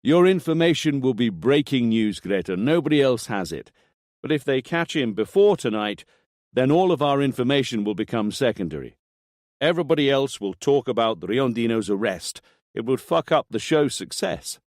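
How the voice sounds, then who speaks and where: A man's voice: mid-range voice, expressive, normal speed, darkish tone, dry recording, studio quality, pitched above the performer's own voice, natural voice. A man voicing a brash, cynical male TV producer who talks pushily and emphatically. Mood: pushy.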